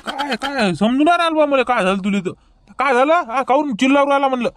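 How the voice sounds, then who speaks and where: A man's voice: very high-pitched, animated, fast, very noisy. A man with a Vidarbha Marathi accent playing a confused, protesting village man in a rustic comedy sketch.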